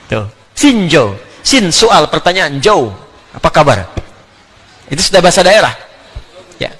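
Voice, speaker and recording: A middle-aged man giving an animated religious lecture, often laughing and sounding out letters. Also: fairly high pitch, a little slow, breathy edge. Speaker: Islamic preacher.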